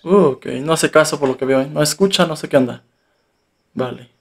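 A man's voice: fairly high pitch, fairly quick, soft background music. A young man, casually reacting and commenting aloud as a story game plays. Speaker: gameplay streamer.

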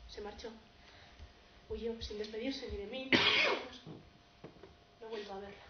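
Young actress as a poor grieving peasant man, high voice, halting stage monologue, roomy dull noisy recording. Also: fairly even intonation, recorded from a distance, close to an everyday voice. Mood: somber. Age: young adult. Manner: broken, halting storytelling. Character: poor grieving male peasant farmer, tragicomic. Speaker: drama student. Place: theatre stage.

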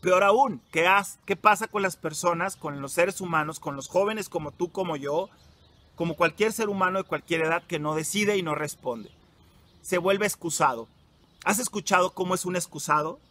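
Mexican guy with a high voice, psychologist hyping up teens, keeps asking them stuff. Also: normal speed, a bit bright. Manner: emphatic, asks the listener direct questions. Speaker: psychologist and workshop leader. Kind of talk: motivational talk to teenagers.

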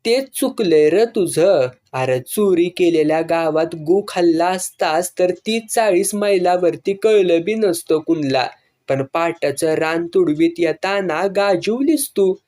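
A reader voicing a hot-tempered, rough male hunter who scolds in coarse village speech. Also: medium pitch, lively intonation, slow, a little mellow. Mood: angry.

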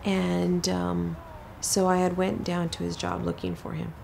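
Middle-aged woman with a heavy vocal fry. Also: lowish voice, completely flat delivery, measured pace, darkish tone, a little hiss or hum. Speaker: interviewee, mother. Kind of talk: documentary interview.

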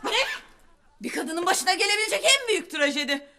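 A woman's voice: very high-pitched, lively intonation, a little fast, sharp tone, a little hiss or hum, exaggerated voice. An actress playing a scheming, cheeky younger sister in a sitcom, teasing and mock-dramatic in her delivery. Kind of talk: sitcom acting.

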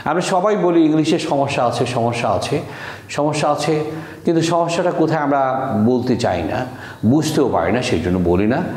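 A man from Bangladesh teaching an online language lesson, repeating words slowly and deliberately to show how they sound. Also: mid-range voice, expressive, a little mellow, echoey room.

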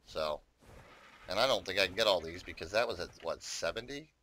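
A man's voice: low-pitched, lively intonation, a little fast, pushed and bright, a little hiss or hum. A man giving casual, rambling commentary on his own gameplay, chatting to viewers and swearing often. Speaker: gaming YouTuber.

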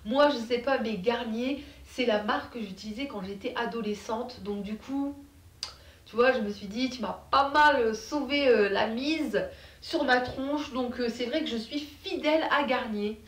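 A woman's voice: on the high side, moderate pace, roomy sound, recorded from a distance. A French woman chatting casually as a beauty vlogger, bubbly and full of fillers. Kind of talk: casual chat to camera.

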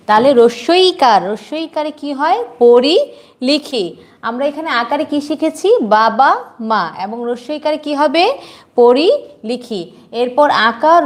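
A woman teacher giving a dictation lesson to young children, spelling words out slowly and often quizzing the class. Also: high-pitched. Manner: slow, drawn-out spelling with frequent questions to the class. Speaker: nursery teacher.

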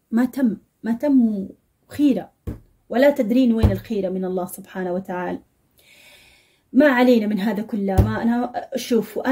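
A woman's voice: fairly high pitch, dark tone, husky. A woman giving a tarot reading to her viewers, addressing them directly and scolding them with blunt advice. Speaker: tarot reader. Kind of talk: fortune-reading monologue to viewers.

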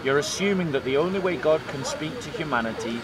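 A man's voice: a little high, lively intonation, fast. Insistent Englishman debating in a crowd. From England. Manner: insistent, interrupts with repeated questions. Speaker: street preacher. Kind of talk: heated street debate. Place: outdoor park by a kiosk, city crowd. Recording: outdoor crowd noise. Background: crowd chatter.

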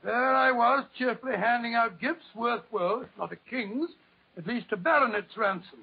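An actor playing a bumbling, kindly older English doctor in 1940s radio style, stammering and blustering. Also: male voice, extremely high pitch, normal speed, creaky, husky, heavily acted. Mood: jovial storytelling. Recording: muffled old radio recording.

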